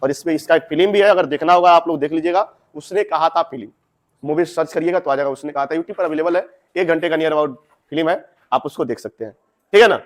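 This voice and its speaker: A man's voice: fairly high pitch, fast. A young man, explaining a story to students in a chatty way with direct asides. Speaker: teacher.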